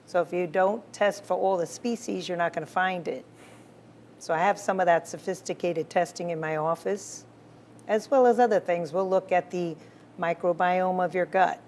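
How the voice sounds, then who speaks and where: A woman doctor answers interview questions in a somewhat low voice. She explains her cases with steady confidence and keeps affirming with a quick "right.". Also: a little hiss or hum. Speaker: physician, guest.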